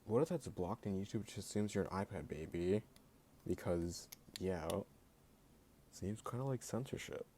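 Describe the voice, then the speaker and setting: This YouTube creator is a man whose low, mellow voice carries lively intonation at a moderate pace as he rants his opinions, sarcastic and blunt, leaning hard on "like." He sounds jittery at times, and a faint hiss or hum is present.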